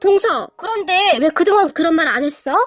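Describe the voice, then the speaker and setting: Woman voicing a brazen sister-in-law, whiny, very high, animated. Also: brisk, dry recording. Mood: brazen, aggrieved. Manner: brazen, whining.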